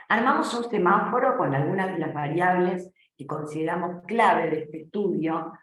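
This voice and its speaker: Woman presenting in an echoey room. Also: lowish voice. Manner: measured, explanatory, with occasional fillers. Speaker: research presenter. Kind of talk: presentation of survey findings. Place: event room with audience.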